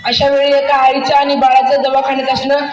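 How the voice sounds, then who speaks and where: A man's voice: very high voice, completely flat delivery, fairly quick, slight background noise. A performer playing a stern village husband who scolds his wife. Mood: scolding. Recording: echoey room, distant mic.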